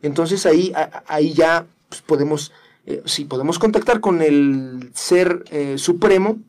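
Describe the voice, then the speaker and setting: A man's voice: on the high side, measured pace, a little mellow. A man with a Mexican Spanish accent hosting a casual talk show, rambling and preachy, full of hesitant fillers. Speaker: host.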